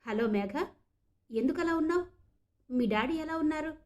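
A woman's voice: fairly high pitch, moderate pace, warm tone, lightly acted. A woman doing a worried young man. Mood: anxious. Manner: anxious then soothing. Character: worried young man, caring fiancé type.

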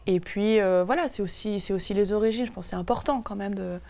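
A woman's voice: medium pitch, fast talker, dark tone. Hesitant young Frenchwoman in studio interview. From France. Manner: thoughtful, many hesitations and restarts. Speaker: guest. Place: TV studio set. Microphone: lapel.

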